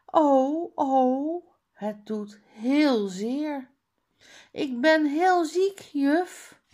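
A woman voicing a sulky schoolboy who pretends to be sick, reading a children's book aloud with high, loud, whiny protests. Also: sing-song, extremely slow, exaggerated voice.

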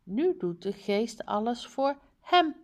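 Young hero Aladdin from a storybook, read by a woman, determined, very slow, plainly read. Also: fairly high pitch, very animated, a little mellow, pitched above the performer's own voice.

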